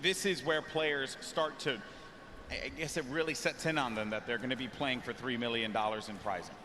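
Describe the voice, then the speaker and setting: A man commentating live on a competitive online game, mixing chatty analysis with excited calls. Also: medium pitch, fairly quick, noisy background. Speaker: esports caster.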